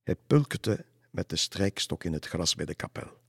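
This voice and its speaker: A man reading a folk tale aloud in a measured way. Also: low-pitched, lively intonation, vocal fry, breathy edge, dry recording, studio quality. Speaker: narrator. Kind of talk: storybook narration.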